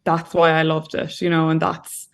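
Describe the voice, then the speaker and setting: This young Irish woman speaks in a low, creaky monotone at a normal pace. She's a guest on a video-call interview from a room in her home, chatty and peppering her casual talk with "like" and "you know."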